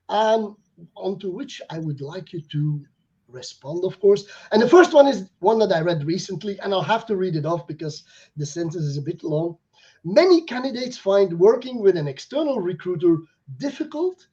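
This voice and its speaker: A man's voice: sits high, mellow, highs cut off. Chatty man hosting a live online chat. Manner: chatty, with frequent fillers and restarts. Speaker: host.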